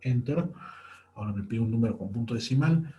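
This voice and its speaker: A man's voice: mid-range voice, animated, fairly quick, dull audio, noisy background. A young man, patiently talking through a screen-recorded coding lesson step by step. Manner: patient, walks through each step aloud. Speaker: programming teacher.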